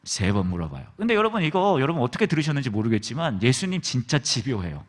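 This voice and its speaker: A man's voice: medium pitch, fast. A man preaching a humorous sermon, telling stories from his school days and acting out the people in them. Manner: lively, joking, acts out quoted people. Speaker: pastor. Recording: long reverb of a large hall.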